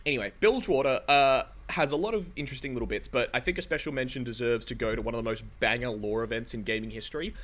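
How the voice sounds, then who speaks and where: A man's voice: mid-range voice, quick pace, hardly any pauses, a bit bright. A man hosting a casual podcast, explaining game lore in a rambling, hedging way with many fillers. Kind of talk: casual chat.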